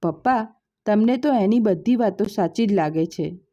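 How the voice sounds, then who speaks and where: A bitter, sharp-tongued young daughter from a storybook, as a woman narrator acts her out. Her retorts come out snappish, with a dark tone and a slightly muffled sound. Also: mid-range voice, measured pace, lightly acted. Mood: angry. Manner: angry, snapping.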